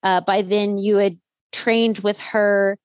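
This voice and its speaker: A woman's voice: mid-range voice, flat delivery, slow, no room sound, studio quality. A woman from the LA area with a Southern California accent, chatting informally and slangily as an interviewer, often saying "like". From Los Angeles Valley, California. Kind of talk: casual chat.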